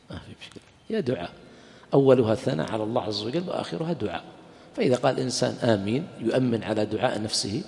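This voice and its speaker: A man's voice: mid-range voice, gravelly, a little mellow, big-room sound. A man, a sheikh, giving a conversational religious lesson in a mosque, asking rhetorical questions and answering them himself, and now and then joking with his listeners. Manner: jokes and laughs with the audience. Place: mosque hall.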